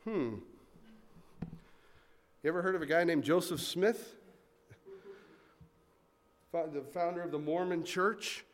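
A man as a pastor preaching a sermon in a lively, conversational way, with asides to the congregation. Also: on the high side, slow, pauses often.

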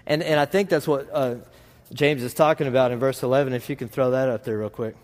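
A fast-talking man from Texas speaks in a steady, medium-pitched voice with a rural drawl. He preaches conversationally to a congregation, folksy, rambling, and poking fun at himself through anecdotes, and the recording sounds like a reverberant hall.

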